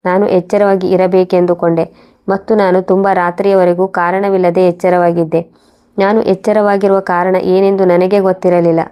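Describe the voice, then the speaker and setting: A woman narrating a first-person moral story in a steady, even reading voice. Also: lowish voice.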